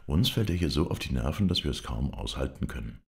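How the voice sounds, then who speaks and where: Man doing a cool detective with dry wit, gravelly and low. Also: lively intonation, quick pace, full character voice. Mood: wry. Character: dry, composed Scotland Yard detective.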